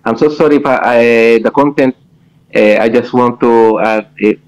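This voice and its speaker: Muffled, halting man asking questions. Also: mid-range voice, darkish tone. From Egypt. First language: Arabic. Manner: polite, apologetic, halting second-language speech. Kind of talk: casual questioning in discussion. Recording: dull lo-fi audio.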